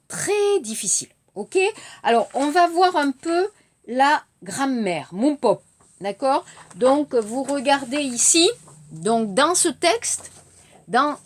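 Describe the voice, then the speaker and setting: A woman with a French accent teaching a language lesson, speaking slowly and patiently, repeating each phrase and dropping in simple Korean words. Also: sits high.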